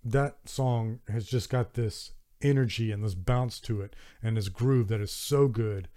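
Earnest Southern American man, mellow voice. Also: lowish voice, unhurried, a little hiss or hum. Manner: earnest and enthusiastic, with warm thanks and frequent restarts. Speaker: podcast host. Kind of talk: casual solo podcast talk.

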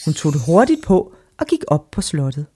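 A woman narrating a fairy tale aloud in an expressive storybook reading style. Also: low-pitched, breathy edge.

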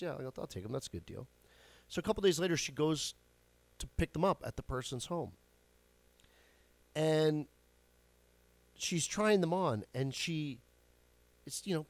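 A man in his forties with a medium-pitched, darkish voice, recorded dry. He hosts a radio show and delivers a casual storytelling monologue in a chatty way, swearing now and then and laughing at his own jokes.

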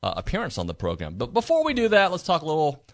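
A man's voice: on the high side, huge pitch swings, fast, no room sound. A man hosting a casual sports talk radio show from a studio, reading stats and sponsor spots in a playful way. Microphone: studio mic.

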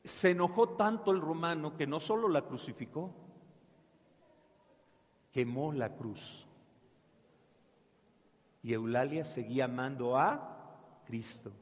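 A priest telling a saint's story to children in a church, asking them questions and having them answer back. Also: male voice, on the high side, slow, long pauses. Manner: animated, asks children questions, call and response. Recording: echoey church hall.

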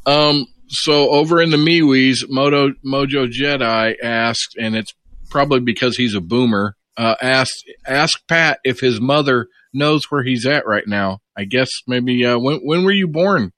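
A man co-hosts a podcast, putting questions to a guest in an easygoing way with plenty of fillers. His voice is mid-pitched. It is recorded dry and close. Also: unhurried, no echo. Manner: relaxed, hesitant, many fillers. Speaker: co-host. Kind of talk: casual podcast chat.

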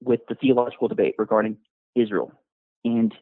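A man's voice: mid-range voice, big pitch swings, creaky, no echo. Breathless male caller on a tinny phone line. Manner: halting, many fillers and restarts. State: out of breath after a run.

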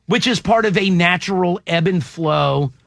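A man's voice: high voice, normal speed, vocal fry, a bit bright, no echo, studio quality. A man hosting a casual panel chat, reading out statements and quizzing the panel playfully. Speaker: host.

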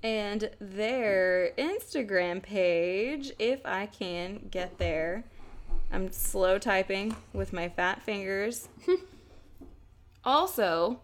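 A woman co-hosting a podcast, chatty and self-mocking, breaking into laughs as she talks. Her voice sits at an ordinary middle pitch, and she speaks in a loose, casual way. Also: lively intonation, very slow. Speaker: podcast co-host. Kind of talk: casual chat.

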